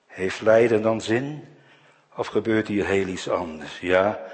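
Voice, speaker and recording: A man preaching a sermon in a church, earnest, with phrase endings that drop to a soft, quiet close. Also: low-pitched, in a large hall.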